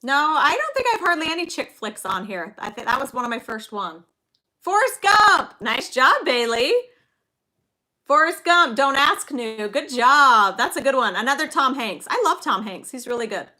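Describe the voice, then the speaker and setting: A woman's voice: high voice, big pitch swings, normal speed, sharp tone. A middle-aged woman hosting a casual livestream, chatty and enthusiastic, cheering viewers on by name. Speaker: livestream host. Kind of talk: casual live chat, reading movie quotes.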